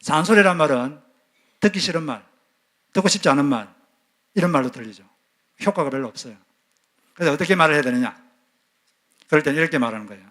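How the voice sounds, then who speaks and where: A man's voice: on the high side, animated, quick pace, pauses often, a bit bright. A man who is a pastor, preaching a sermon, asking the congregation questions and acting out quoted lines. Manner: asks the congregation questions and acts out quoted scolding.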